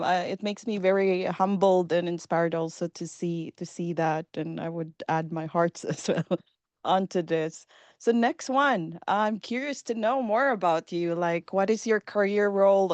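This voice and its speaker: A Filipino woman hosts a casual live webinar over a video call, keeping things upbeat and chatty with lots of fillers and little laughs. Her voice is fairly low and somewhat dark, with no echo.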